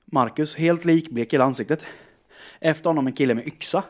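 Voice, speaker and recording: A man in a casual chat telling an anecdote, acting out what people said. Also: fairly high pitch. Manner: animated storyteller who acts out quotes.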